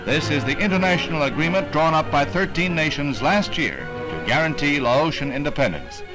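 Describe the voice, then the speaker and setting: An American man delivers scripted 1960s newsreel narration in a formal, dramatic announcer style, his voice fairly high with lively intonation and a slightly fast pace. It's a rough recording, a vintage newsreel soundtrack with newsreel music playing behind him.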